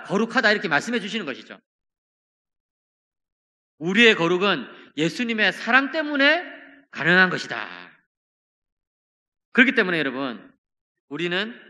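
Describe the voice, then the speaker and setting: A middle-aged male pastor preaching a sermon, earnest and shifting between emphatic and hushed delivery. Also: sits high. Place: church sanctuary. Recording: church hall reverb.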